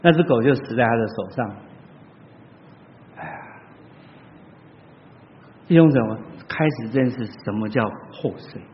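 A man preaches in a church hall, telling stories to the congregation. His voice swings from loud exclamations to soft, low asides. The sound is muffled and lo-fi, with a long reverb trailing after each phrase. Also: lively intonation, a little slow, long pauses, a little hiss or hum. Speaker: pastor. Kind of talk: sermon.

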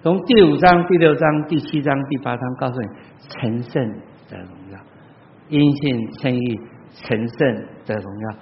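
In a church hall sermon, a pastor shares stories, alternating between booming exclamations and hushed, low asides at a moderate pace. The lo-fi, muffled audio has long reverb trailing each phrase plus a little hiss or hum.

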